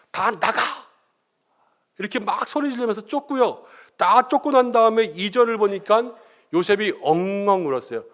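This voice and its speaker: Animated, lively-pitched male pastor preaching. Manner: animated, acts out quoted lines with rising voice. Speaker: senior pastor. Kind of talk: sermon.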